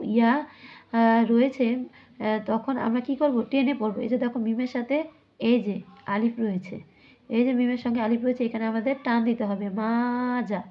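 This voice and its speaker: Woman teacher, slightly high voice, asks and answers her own questions, dull lo-fi recording. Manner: asks questions and answers them herself, drawing out sounds. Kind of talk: classroom lesson explaining a textbook. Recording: muffled lo-fi recording.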